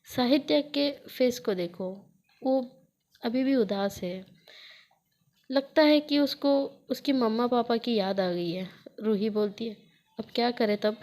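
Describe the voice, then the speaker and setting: A woman storyteller reading a romance story aloud at a steady pace, mixing in English words. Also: a little high, slow pace.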